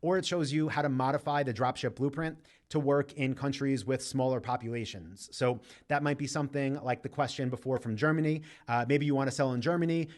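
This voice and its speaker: Male host, mid-pitched, easygoing live Q&A delivery, reads and answers viewer questions. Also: fairly quick, hardly any pauses. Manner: relaxed, conversational, reads out questions and answers directly. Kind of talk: casual live-stream Q&A.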